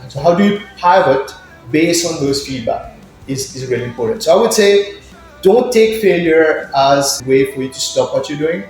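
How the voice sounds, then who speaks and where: A man's voice: a little high, expressive, normal speed, a little mellow. A man from Mauritius with a Mauritian accent, answering interview questions conversationally and often repeating words as he searches for phrasing. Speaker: interview guest, business incubator worker. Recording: very echoey room, music in mix.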